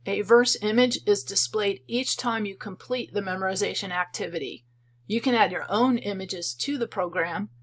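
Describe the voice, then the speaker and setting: A woman narrates a screen-recorded tutorial for a program she built. Her voice sits in an ordinary middle pitch. She talks calmly and methodically, explaining each step in turn. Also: normal speed. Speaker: software creator demonstrating her program.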